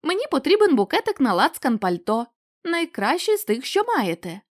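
A woman reading the part of an eager young woman who talks in a bright, excited, coaxing way. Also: high-pitched, normal speed, voice pushed up.

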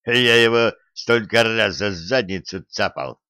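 A man doing a gruff sulky werewolf dog. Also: lowish voice, a little slow, sharp tone, no room sound. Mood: grumbling. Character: grumpy battered male werewolf dog.

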